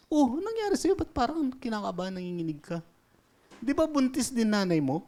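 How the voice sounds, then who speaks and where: A man voicing an excited small child gossiping with other children, in a high, bouncy voice. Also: brisk. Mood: worried. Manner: excited, high-pitched storytelling. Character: chatty small child telling tales.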